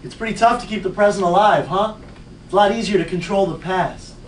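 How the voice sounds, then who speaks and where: Stage play: actor as a calm, dry, advising other self; slightly high, heard from a distance in a roomy space. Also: male voice, fairly quick, natural voice. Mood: wry. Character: calm wry young man, the hero's other self. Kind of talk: live stage acting. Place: small theatre stage. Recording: distant echoey stage recording, faint noise.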